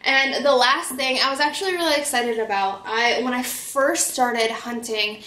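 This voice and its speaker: A chatty woman with a fairly high voice, recovering from a cold and talking through a casual haul video. Her talk is loose and full of fillers. The sound is echoey, as in a roomy home studio. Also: normal speed, sharp tone. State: getting over a cold. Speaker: vlogger.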